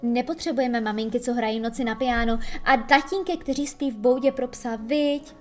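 A cocky, sulky storybook boy who sneers at grown-ups, as a woman reader puts him on. The voice sits high and lively, with faint music beneath. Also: natural voice. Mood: scornful. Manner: scornful, boastful.

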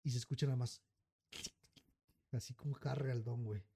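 A husky, medium-pitched man talks briskly with a Mexican accent, a podcast co-host telling a story in casual chat. Animated throughout, he swears freely, tacks "güey" onto almost every phrase, and acts out the figures in his story.

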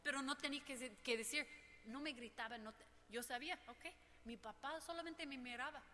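Her voice sits high, brisk, pushed and bright, carrying the sound of a big room. Preaching to women, she shares humorous personal anecdotes and voices the things people said to her.

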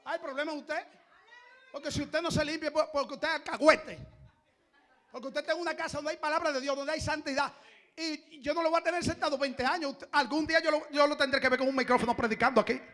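A male pastor preaching a fiery sermon, shouting fervently and repeating phrases in rising chants. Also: very high-pitched, steady tone, fast talker. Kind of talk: fiery Pentecostal-style sermon.

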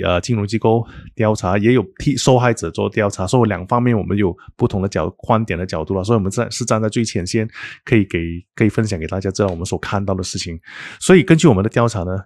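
A man's voice: on the low side, a little mellow, no room sound. A man, a cybersecurity expert guest, explaining in Malaysian-accented Mandarin, often repeating and restarting phrases. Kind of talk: explaining in a talk show interview.

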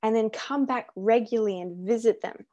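A young woman hosts a faith podcast in a slightly high voice. She talks earnestly and encourages her listeners, and she often breaks off with ums and restarts. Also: normal speed, mellow, highs cut off. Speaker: podcast host. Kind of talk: casual faith podcast chat.

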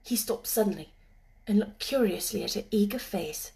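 A woman narrating a classic children's story in a gentle, measured reading voice. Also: medium pitch, gravelly. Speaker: audiobook narrator.

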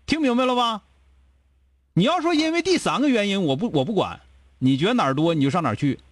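A man with a Northeastern Mandarin accent hosting an advice show, scolding a caller bluntly with rapid rhetorical questions. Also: high-pitched, lively intonation. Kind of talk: call-in advice chat.

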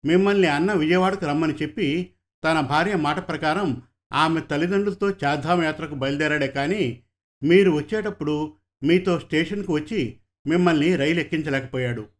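A man's voice: a little high, normal speed, close to an everyday voice. A man reading the heartfelt lines of a hurt young unmarried son in a storybook. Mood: aggrieved. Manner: earnest, heartfelt.

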